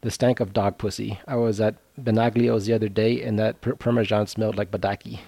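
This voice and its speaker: A man with a low, gravelly voice and a dark, mellow tone, chatting offhandedly on a podcast. He runs a quiz, reading and spelling words out, and laughs often. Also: little pitch movement, brisk, no echo. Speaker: podcast co-host running a quiz. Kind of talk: casual chat.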